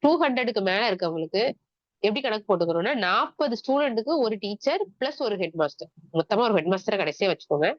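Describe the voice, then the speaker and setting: A woman's voice: mid-range voice, animated, quick pace, dry recording. Woman, Tamil accent, exam-prep teacher, question-and-answer explaining, dull dry sound. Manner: explains step by step, asks the class questions and answers them; mixes English terms into Tamil speech. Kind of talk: online exam-prep lecture. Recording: dry, muffled lo-fi recording.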